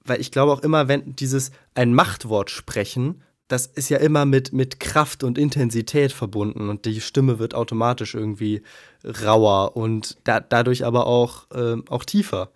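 A man's voice: mid-range voice, steady tone, moderate pace, darkish tone. A man co-hosting a casual podcast, chatty and teasing, explaining his points at length. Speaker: podcast co-host.

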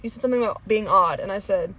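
A young woman co-hosting a podcast in casual chat, animated and argumentative, often laughing. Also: medium pitch, racing, slight background noise. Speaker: podcast co-host.

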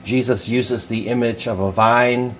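A man's voice: medium pitch, fairly even intonation, a little slow, highs cut off, a little hiss or hum. A man speaking as a priest at Mass, addressing a congregation in scripture reading and sermon.

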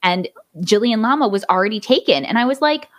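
A woman's voice: medium pitch, fast, fairly bright tone. A woman guest on a podcast, chatting in a bubbly, giggly way as she tells a story. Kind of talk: casual interview chat.

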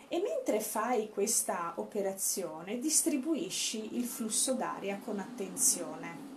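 A woman leading a guided breathing meditation as an instructor, speaking in a deliberate, instructive way with pauses. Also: a little high, a little mellow. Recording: echoey room, faint background noise.

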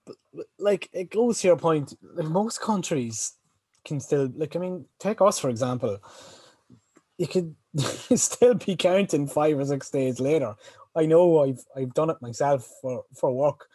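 A man talks casually and in a rambling way, full of fillers and restarts. His voice is husky, and the sound is dry and close. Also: on the high side, measured pace, warm tone, no room sound. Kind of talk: casual chat.

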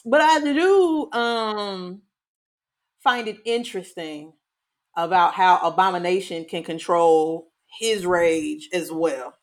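A woman co-hosting a podcast in a casual chat, animated, often laughing and trailing off with ums. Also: on the low side, takes it slowly. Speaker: podcast co-host.

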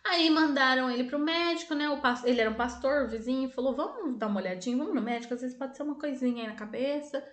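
A woman with a high voice chats her way through eerie stories. She is animated, laughs a lot and puts on voices for the people she quotes. The recording has a roomy echo. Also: fast, hardly any pauses. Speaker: podcast co-host. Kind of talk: casual storytelling chat.

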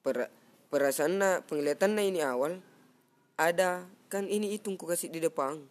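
A young man from South Sulawesi with a Makassar Indonesian accent, telling a story in casual chat on a cheap headset mic, animated and acting out sounds. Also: a little high, moderate pace. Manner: animated, mimics sounds and acts out friends' lines. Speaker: guest storyteller.

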